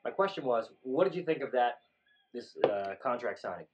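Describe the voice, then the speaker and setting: A man's voice: medium pitch, lively intonation, normal speed. A man co-hosting a podcast in casual conversation, recorded with noisy, dull audio. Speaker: wrestling podcast co-host. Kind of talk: casual chat.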